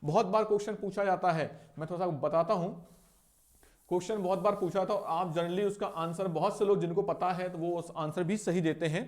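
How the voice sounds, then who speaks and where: High-voiced man teaching a spelling lesson. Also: steady tone, darkish tone. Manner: explaining, asking and answering his own questions; repeats words slowly to show spelling and pronunciation. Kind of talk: exam-prep lesson.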